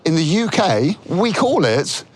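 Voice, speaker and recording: A man's voice: on the high side, big pitch swings, measured pace, husky. A man from Yorkshire co-hosting a casual car podcast, joking and telling stories. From Yorkshire, England. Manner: jokey, storytelling, self-deprecating. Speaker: podcast co-host. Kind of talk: casual chat about cars.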